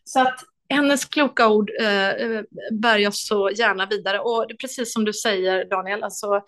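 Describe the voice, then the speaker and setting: A woman's voice: mid-range voice, steady tone, a bit bright. A woman, an author and lecturer, talking enthusiastically as an interview guest, with many hesitations.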